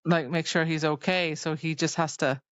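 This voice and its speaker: Retelling a book loosely in casual speech, a woman on a podcast leans on "like" and acts out the quotes. Her low voice keeps a fairly even intonation at a moderate pace, recorded muffled with no room sound.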